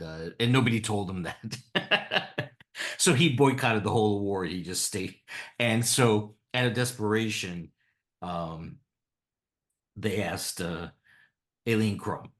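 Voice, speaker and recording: A man's voice: low-pitched, fairly bright tone. A middle-aged man, a cartoonist guest, telling anecdotes in a rambling, casual way, chuckling often and restarting his sentences.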